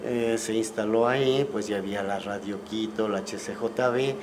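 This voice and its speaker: A man's voice: lowish voice, normal speed. Older man telling stories. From Ecuador. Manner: relaxed storytelling, frequent tag questions. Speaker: guest musician. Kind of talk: casual interview conversation. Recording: clear background noise.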